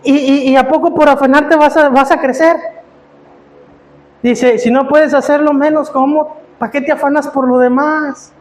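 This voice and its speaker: High-voiced man preaching. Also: steady tone, moderate pace. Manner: preaching with rhetorical questions and repeated "hermanos"; stumbles and repeats words when worked up. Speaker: pastor. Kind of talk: sermon.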